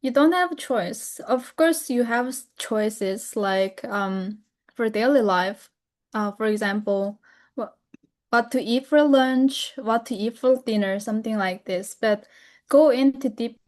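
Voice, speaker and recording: A young woman from North Korea, a native Korean speaker, gives a webinar talk in English, careful and halting with many fillers and self-corrections. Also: on the high side, darkish tone. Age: young adult. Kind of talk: presentation over a video call.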